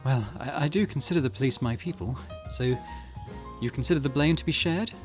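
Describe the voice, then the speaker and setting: A mid-range, brisk male voice reads lines from a detective game aloud, hopping between characters in a let's play. He hosts a gaming channel, and game music runs beneath.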